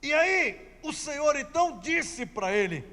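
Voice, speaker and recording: A man's voice: very high voice, sing-song, unhurried, bright, forceful tone, in a large hall. A man preaching a sermon, telling a scripture story emphatically and repeating key phrases.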